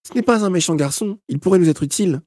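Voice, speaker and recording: A man voicing a calm, matter-of-fact girl who takes charge as a dentist. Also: high voice, quick pace, no room sound, clean studio sound, pitched above the performer's own voice.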